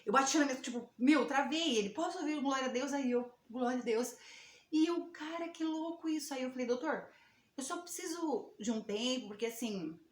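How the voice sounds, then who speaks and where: A Brazilian woman missionary giving a religious testimony to fellow believers, telling her story in a lively way with many fillers and acted-out dialogue. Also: sits high, moderate pace, roomy sound. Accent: Brazilian Portuguese.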